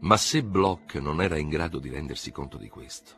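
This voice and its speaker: A man reading a novel aloud as an audiobook narrator, measured and expressive. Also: extremely low pitch, vocal fry, faint music behind. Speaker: audiobook reader.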